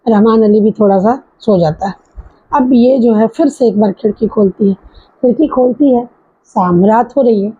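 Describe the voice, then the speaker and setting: Woman storyteller, higher voice with a breathy edge, informal retelling full of fillers, dull lo-fi sound. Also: normal speed, warm tone. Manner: conversational, with frequent fillers and restarts. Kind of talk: casual spoken retelling of a story. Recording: dull lo-fi recording.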